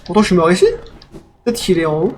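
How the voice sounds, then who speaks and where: A man giving let's play commentary, excitable, yelping and talking back to the game as he plays. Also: high voice, quick pace, a little hiss or hum. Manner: excitable, yelps and talks to the game. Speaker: gaming streamer.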